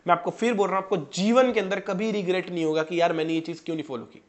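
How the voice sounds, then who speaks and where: A man's voice: high voice, fairly even intonation, racing. A young man in his twenties, a medical student, giving chatty, direct exam-prep advice to students. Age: 20s. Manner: chatty, direct, addresses students as "janab" and "bhai". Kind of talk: casual exam-prep coaching talk.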